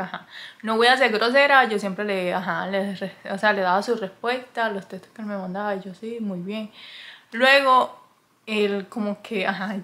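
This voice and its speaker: A woman vlogger casually telling a story to her camera indoors, chatty and full of fillers. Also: a bit bright. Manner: chatty, full of fillers, exclaims in high yelps. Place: indoors, wrapped in a blanket in a cold room.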